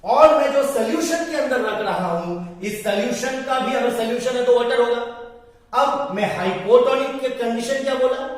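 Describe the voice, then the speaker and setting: A man's voice: extremely high pitch, moderate pace. A male teacher giving a lesson, constantly checking that his students understand and spelling out English phrases word by word. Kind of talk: classroom lecture. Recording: echoey hall from far off.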